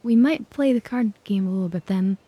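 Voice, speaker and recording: A woman's voice: medium pitch, brisk, dark tone, breathy edge, no room sound. A woman game streamer chatting casually while she plays.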